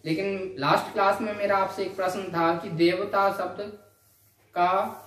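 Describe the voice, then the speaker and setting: A man teaching Hindi grammar in a classroom lecture. He asks questions, answers them himself, and draws out each letter sound slowly. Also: sits high, steady tone, fairly bright tone. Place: coaching centre classroom. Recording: echoey classroom, voice from far off.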